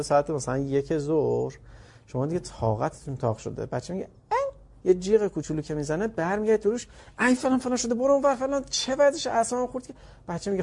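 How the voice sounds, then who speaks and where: A man's voice: medium pitch, gravelly, mellow. A man teaching parents, reading passages from a book aloud and then explaining them in a conversational way, acting out parents' and children's lines as he goes.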